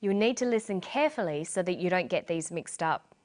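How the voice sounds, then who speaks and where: A woman reads a scripted English lesson. She speaks slowly and clearly, stressing key syllables so learners can follow. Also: lowish voice, expressive, darkish tone. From Australia. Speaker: English teacher. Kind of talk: scripted language lesson narration.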